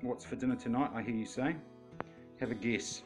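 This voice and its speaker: A man with a broad New Zealand accent chatting casually through step-by-step instructions, laid-back and slangy with dry, deadpan humour. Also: mid-range voice, moderate pace, music in the background. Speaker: home vlogger giving cooking and DIY tips. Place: house rooms, kitchen and garden. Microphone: handheld or propped phone.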